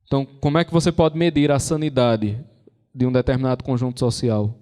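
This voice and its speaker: A hall with long reverb carries the voice of a man with a Brazilian Portuguese accent lecturing on intellectual and moral formation. He is a conversational storyteller who acts out quotes, speaking fairly quickly in a warm, mid-range voice with fairly even intonation.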